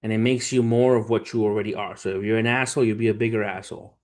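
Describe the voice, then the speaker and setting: A fast-talking man in his thirties, his voice lowish, steady and a little mellow, hosts a livestream as a trader. Informal and profane, full of street slang, he calls his viewers family and moves between storytelling and motivational talk.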